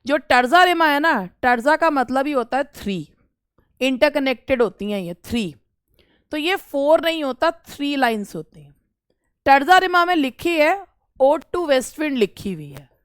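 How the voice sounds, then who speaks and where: High-pitched Indian woman tutoring exam prep. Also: sing-song, no room sound, clean studio sound. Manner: explains slowly in Hindi mixed with English terms. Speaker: English literature exam tutor. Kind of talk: online exam-prep lesson.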